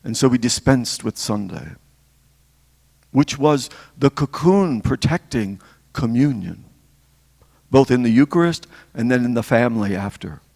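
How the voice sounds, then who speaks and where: Older deacon, gravelly voice, long echoey hall, slow storytelling. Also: male voice, mid-range voice, a little mellow. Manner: reflective storytelling, pausing between phrases. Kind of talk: spiritual talk.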